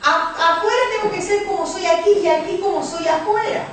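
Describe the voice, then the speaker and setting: A woman pastor delivers a storytelling sermon, slipping into the voices of the people she quotes. Her voice sits high and carries through a very echoey church hall, picked up from a distance with a faint hiss underneath. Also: a little fast, a bit bright.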